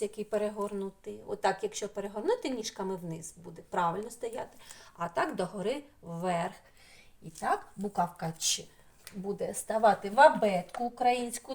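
A woman teaching a remote lesson to preschool children, stretching out syllables and sounds and gently coaxing them with questions. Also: mid-range voice.

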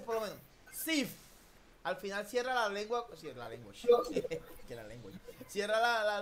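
A male English teacher with a Latin American accent and a high voice leads an online class over a video call, with background noise audible. He drills pronunciation enthusiastically and lively, mixing Spanish and English.

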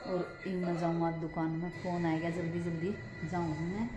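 A woman's voice: fairly low pitch, little pitch movement, normal speed, music in the background. A middle-aged woman with a Haryanvi accent, chatting casually to camera at home as a family vlogger. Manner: chatty, rambling, homely. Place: at home, indoors. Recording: echoey room with loud background noise and passing vehicles.

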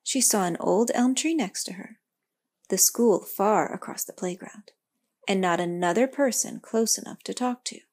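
A woman narrating a children's storybook in a soft, expressive way. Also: medium pitch, moderate pace.

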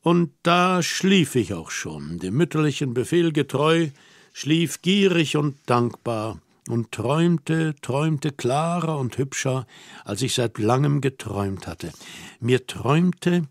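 Brief: male audiobook reader, measured and expressive, mid-pitched, dry studio sound. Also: no echo. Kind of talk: reading a literary novel aloud.

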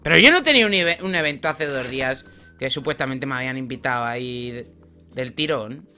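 Lively joking young gamer guy. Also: medium pitch, brisk, faint music behind. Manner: joking, swearing, talks to game characters. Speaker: gaming youtuber. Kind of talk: casual let's play commentary.

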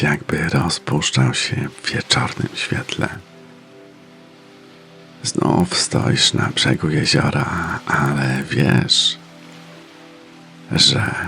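A man narrating a guided meditation in a soft, soothing, unhurried manner with pauses between phrases. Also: rumbling low, creaky. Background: faint music.

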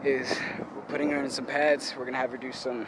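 A man's voice: medium pitch, level tone, fairly quick. A man hosting a vlog and coaching, chatting casually with laughs outdoors. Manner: laughing, giving coaching instructions. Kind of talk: casual chat. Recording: loud outdoor noise behind.

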